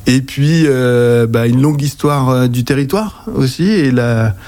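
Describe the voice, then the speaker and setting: Here an accounting agency director in his forties, a Frenchman from Anjou in the west of the country, answers interview questions informatively in his office. His mid-range voice has a dark tone and a French accent, and his delivery is very hesitant and halting.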